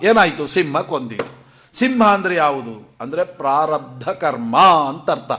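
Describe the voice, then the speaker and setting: Lively man giving a devotional discourse. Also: a little high, unhurried, a little hiss or hum. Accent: Kannada. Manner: asks questions and answers them himself, chants verses. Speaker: scripture lecturer.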